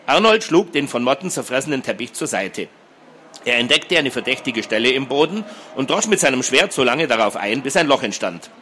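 A man narrating a fantasy adventure story as an audiobook reading, in a steady storytelling voice. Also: mid-range voice, brisk, a little hiss or hum.

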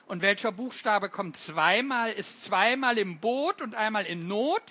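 A playful author reads their own poems aloud to children in a bright, clear voice. The pace is slow and unhurried. They keep tossing questions to the audience and tagging sentences with little checks. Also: mid-range voice, animated. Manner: chatty, with many tag questions. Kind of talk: live poetry reading for children.

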